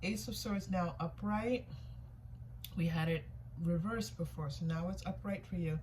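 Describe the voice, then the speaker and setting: Her voice is fairly low and darkish, and she speaks unhurriedly on a rough recording. Hosting a tarot reading, she reasons out loud in a loose, intuitive way, repeating herself and second-guessing the cards, with clear room ambience and background noise.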